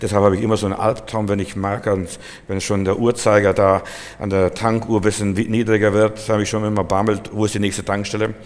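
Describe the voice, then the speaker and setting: German guy preaching, lowish voice, big echoey church hall, tells stories with lots of punch. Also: fairly quick. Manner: lively, anecdotal, emphatic preaching. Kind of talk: sermon.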